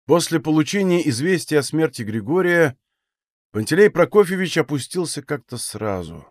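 Man, audiobook narration, measured, slightly high voice, dry studio sound. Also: sing-song, dry recording. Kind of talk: scripted literary narration.

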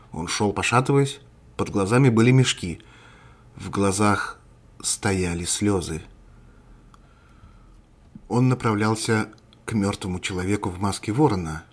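A man narrates a dramatic story in a low, husky voice. His delivery is measured and steady.

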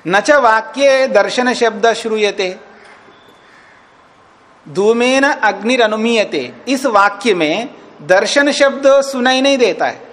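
At a retreat teaching session, a man teaching as a swami gives a classroom lecture on a scripture text, reciting Sanskrit lines, explaining each phrase, and checking that his students follow. His high-pitched voice is animated and a bit bright, and he takes it slowly.

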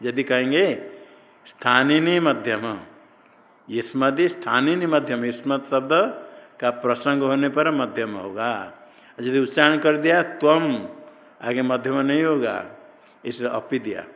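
A man teaching Sanskrit grammar in a slow classroom lecture, posing questions and answering them himself. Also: mid-range voice, a bit bright. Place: ashram classroom. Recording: long hall reverb.

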